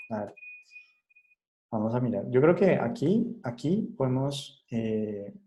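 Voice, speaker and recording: Slow, mellow-voiced man teaching online. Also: medium pitch, rough recording. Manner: checks in often with short questions; halting, with many fillers and restarts. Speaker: psychology lecturer. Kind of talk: online class lecture.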